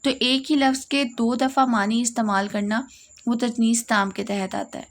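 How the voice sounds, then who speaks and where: A woman's voice: fairly high pitch, steady tone. A woman with a Pakistani Urdu accent teaching a lesson, explaining step by step and repeating key points.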